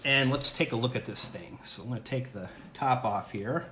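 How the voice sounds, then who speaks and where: A man tries food on a relaxed home livestream, sounding upbeat and talkative and frequently starting his sentences over. His mid-range voice is pushed and bright at a normal speed. It's captured indoors on a camera or phone mic, with room echo, faint background ambience and slight hiss or hum.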